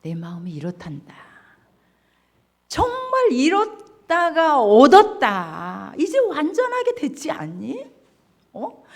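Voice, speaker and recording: Tender old father, hushed and coaxing, as a woman preacher puts him on. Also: medium pitch, slightly rough, exaggerated voice. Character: gentle pleading loving old father.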